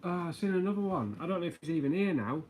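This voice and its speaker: A man's voice: sits high, lively intonation, fast, darkish tone, slight background noise. A man hosting a casual livestream, rambling, joking and reading out viewer comments. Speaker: livestream host. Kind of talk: casual live chat.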